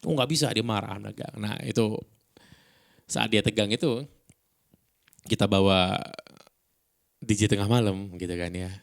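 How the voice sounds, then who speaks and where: A middle-aged man speaking on a business podcast in a relaxed, chatty way, full of fillers and acted-out dialogue. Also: on the low side, unhurried, creaky, pauses often. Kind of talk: casual podcast talk.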